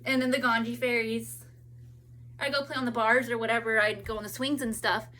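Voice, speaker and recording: A woman in her thirties from California talks in a long, meandering monologue, often restarting her sentences and letting thoughts trail off. Her voice is very bright and sits a little high. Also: steady tone, brisk, slight background noise. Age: 30s. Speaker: vlogger. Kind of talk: rambling personal monologue.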